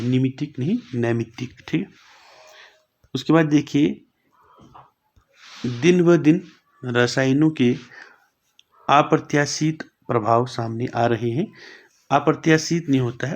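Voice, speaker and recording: A young man teaching a spelling lesson for exam preparation, repeating each word and closing points with a quick "okay". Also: medium pitch, creaky, a little mellow. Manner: repeats words slowly, ends points with "thik hai".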